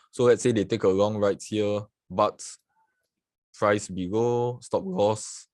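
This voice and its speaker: This is a dry recording of a man with a lowish voice, a forex trading teacher from Singapore doing a livestream. He chats casually over chart examples in a live screen-share market analysis, greeting people from the chat and frequently dropping "so yeah."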